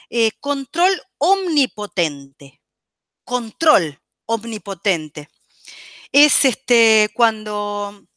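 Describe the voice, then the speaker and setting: Woman, high voice, dry close sound, chatty radio explainer. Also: dry recording. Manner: checks in constantly with the audience, warm teaching tone; chatty, with frequent fillers and restarts. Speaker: psychology speaker on a radio show.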